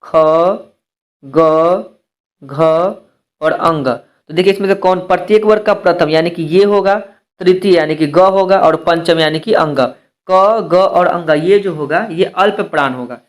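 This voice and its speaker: A man teaching a step-by-step grammar lesson for exam preparation. He slows down to spell out letters one by one and keeps asking rhetorical questions before he answers them. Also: high voice.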